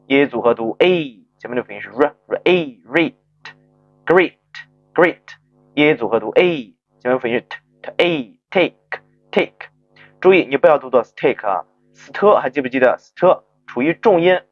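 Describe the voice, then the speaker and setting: A man teaching an English phonics lesson, stretching out model pronunciations slowly and often asking rhetorical check-in questions. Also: mid-range voice, dry recording, highs cut off. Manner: slow drawn-out model pronunciations between quick explanations.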